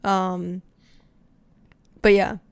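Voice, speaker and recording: A woman's voice: fairly low pitch, flat delivery, drawn-out words, darkish tone, clear, resonant tone. A young woman co-hosting a casual film podcast, chatty and full of fillers, acting out lines from scenes. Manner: chatty, filler-heavy, acts out scene quotes. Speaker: podcast co-host.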